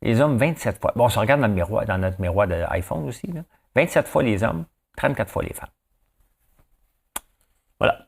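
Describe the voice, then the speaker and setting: Animated Québécois man, lively chat. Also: lowish voice, moderate pace, creaky, long pauses, breathy edge. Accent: Québécois French. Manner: animated, chatty, keeps asking "hein?". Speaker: host of a live show. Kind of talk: casual chat to viewers.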